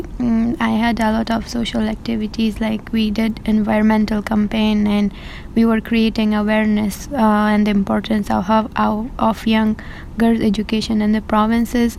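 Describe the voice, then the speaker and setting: A woman's voice: on the high side, vocal fry, darkish tone, a little hiss or hum, poor audio. A young woman from Afghanistan, an activist answering interview questions carefully, with many fillers and restarts. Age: young adult.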